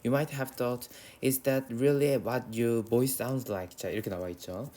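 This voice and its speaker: Here the young Korean-accented English teacher, mid-pitched with a steady, warm tone, works through exam prep material. He reads each English line slowly, then breaks it down in fast, informal speech.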